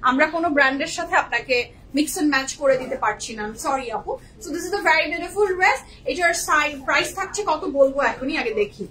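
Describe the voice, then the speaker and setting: A woman's voice: high voice, a little fast, fairly bright tone, rough recording. A woman hosting a live-stream clothing sale, gushing over each dress and mixing English into her talk; a working mother. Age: young adult or 30s, a working mother. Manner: gushing, mixes English into Bengali.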